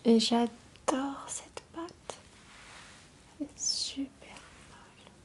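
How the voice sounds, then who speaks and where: A woman speaking softly in an ASMR style, drifting into whispers, her voice hoarse and husky from a cold, with a gentle, unhurried manner. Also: high voice. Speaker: ASMR video host.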